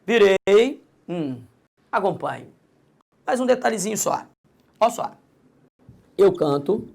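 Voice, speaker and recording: A male grammar teacher, his voice heavily gravelly with a husky, worn edge. He speaks straight to the student in a lively, coaxing way, as if checking that each point lands. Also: sits high, takes it slowly. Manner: lively, addresses the student directly and coaxes them along. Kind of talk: recorded video lesson.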